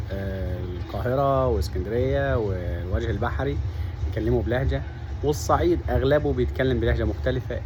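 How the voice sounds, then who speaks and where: A vlogger from Upper Egypt with a Sa'idi Arabic accent gives a casual monologue to camera, talking earnestly and laying out his points one by one. His voice is mid-range, and the background is noisy.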